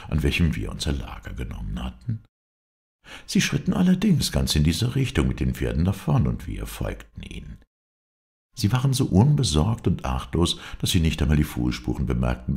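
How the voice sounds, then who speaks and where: A man's voice: rumbling low, creaky, darkish tone. A man reading an adventure novel aloud as an audiobook narrator, with dramatic intonation. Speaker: audiobook reader.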